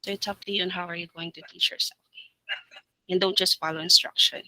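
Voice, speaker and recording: Female trainer, Filipino accent, very sharp bright tone, dry close sound, direct and insistent, informal instructional delivery. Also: fairly low pitch, steady tone, fast, no echo, rough recording. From Philippines. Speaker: trainer of call center staff. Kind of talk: informal staff training talk.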